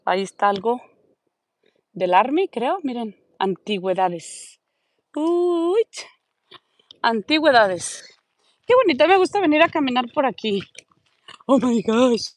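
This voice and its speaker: A woman's voice: sing-song, measured pace, long pauses, no echo. Chatty woman vlogging outdoors. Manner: chatty, coos in a high voice at dogs. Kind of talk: casual walking vlog. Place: outdoors on a neighborhood street. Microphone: phone held while walking.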